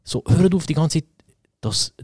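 A man's voice: on the high side, animated, normal speed, darkish tone, slightly rough, no echo, clean studio sound. A young man with a Swiss German accent, co-hosting a podcast in casual chat and ranting heatedly in slang. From Switzerland. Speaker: podcast co-host.

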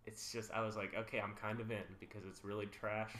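Laid-back low-voiced man, echoey room. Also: little pitch movement, fast talker, fairly bright tone, slight background noise. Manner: opinionated, laid-back, trails off with fillers. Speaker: podcast co-host. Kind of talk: casual film chat.

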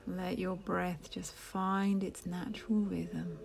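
A woman leading a guided meditation, speaking softly in a half-whisper with long pauses. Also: lowish voice, flat delivery, creaky. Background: soft music.

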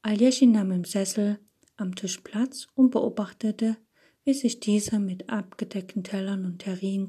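A woman reading a story aloud in a soft, half-whispered way. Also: medium pitch, breathy edge. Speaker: audiobook reader. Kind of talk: scripted narration.

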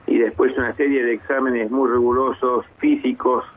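A husky-voiced man in his fifties answers questions over a tinny phone line. He talks in a measured, hesitant way and often restarts his sentences. His pitch sits in an ordinary middle range. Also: little pitch movement. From Argentina. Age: 50s. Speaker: base commander guest. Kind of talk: phone interview on radio.

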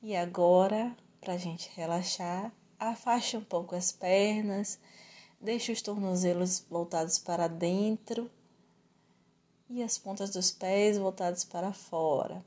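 A woman with a Brazilian accent teaching yoga and relaxation in a calm, soothing, measured way with gentle pauses. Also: medium pitch. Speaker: yoga instructor. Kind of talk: guided yoga and relaxation instruction.

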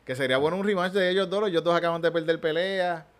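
A man's voice: a little high, fast, smooth. A man with a Puerto Rican accent chatting casually about MMA fights as a podcast co-host, rambling and repeating his words. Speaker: podcast co-host, improv comedian.

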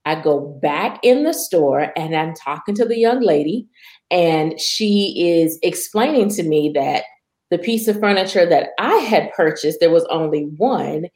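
A middle-aged woman tells a personal faith story in an earnest, conversational way. Her voice sits a little low for a woman. The room gives back a noticeable echo. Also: measured pace. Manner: earnest testimony with animated retelling.

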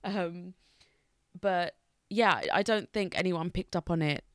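A young woman in casual conversation, speaking haltingly with long pauses between sentences, many restarts and words that get stuck. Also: on the low side, no room sound, clean studio sound. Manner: hesitant, with many restarts and fillers.

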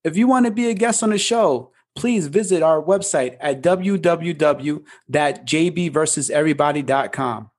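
A man's voice: fairly high pitch, normal speed, hardly any pauses, no echo. Joking podcast host, man, dry sound. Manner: playful, joking, swears, mock radio voice. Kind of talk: casual podcast chat.

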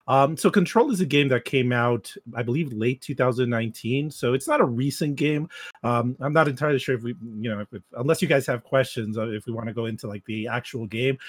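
A man speaking as a podcast guest in casual, halting explanations. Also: medium pitch, no room sound. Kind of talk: casual talk about video games.

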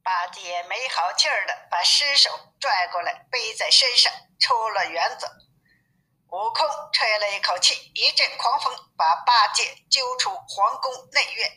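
A woman reading a classic storybook aloud, with expressive, steady narration. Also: fairly high pitch, measured pace, rough recording.

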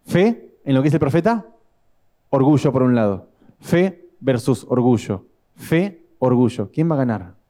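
A young man with a Rioplatense Spanish accent preaching a sermon, telling stories dramatically and swinging between loud and hushed delivery. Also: mid-range voice, big pitch swings, a little slow. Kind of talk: sermon with storytelling.

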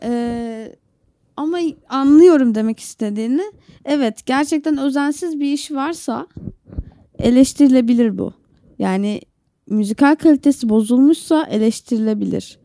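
A woman co-hosting a podcast casually talks through her opinions in conversation. Her voice sits high and is mellow, at a normal speed. The recording is dry, with clean studio sound.

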